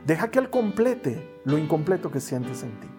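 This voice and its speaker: A male pastor preaching a sermon, earnest, building to emphatic peaks and then dropping low and slow. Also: big pitch swings, over music.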